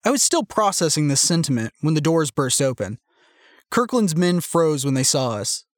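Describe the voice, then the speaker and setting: A man reading a first-person novel aloud in a measured, even storytelling manner. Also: fairly high pitch, dry recording, clean studio sound. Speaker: audiobook narrator. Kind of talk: scripted first-person narration.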